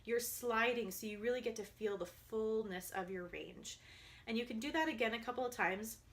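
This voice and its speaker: A young adult woman voice coach calmly guiding listeners through vocal exercises, sometimes demonstrating. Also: fairly high pitch, normal speed. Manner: calm, guiding, demonstrates vocal slides and counts. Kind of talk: instructional voice exercise video.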